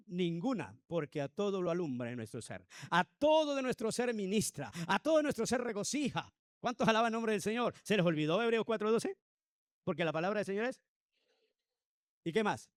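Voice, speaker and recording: A man preaching a Sunday school sermon in a high voice. He presses the congregation with rhetorical questions and emphatic declarations. The recording is dry, with little room sound. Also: sing-song, moderate pace, pauses often, dry recording. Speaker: pastor.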